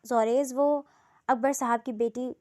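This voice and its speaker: A woman's voice: on the high side, steady tone, a little mellow, lightly acted. A woman voicing a doting, wealthy middle-aged father who speaks fondly and easily in a storybook reading.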